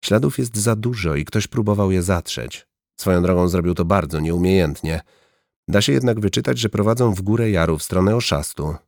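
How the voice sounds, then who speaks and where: A man voicing a quiet, uneasy male forester in an audiobook, speaking hesitantly. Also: brisk, no echo, studio quality. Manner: hesitant and low-key.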